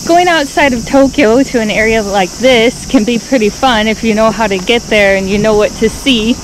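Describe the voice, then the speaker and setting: A young woman talks casually to a camera at arm's length in a fairly high voice. She is outdoors, with clear ambient noise and cicadas behind her. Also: normal speed. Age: young adult. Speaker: vlogger. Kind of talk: casual vlog talk to camera. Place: outdoors on quiet suburban roads.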